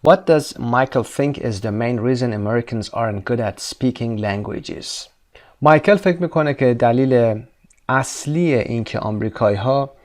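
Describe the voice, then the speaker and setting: Man teaching English. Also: medium pitch. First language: Persian. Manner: reads English slowly, explains quickly. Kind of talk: textbook lesson with translation.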